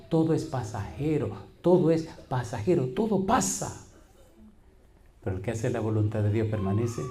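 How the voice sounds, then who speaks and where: A middle-aged man, a pastor preaching a sermon, questioning the congregation and telling folksy stories with quoted voices. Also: medium pitch. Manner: preaching with call-and-response questions.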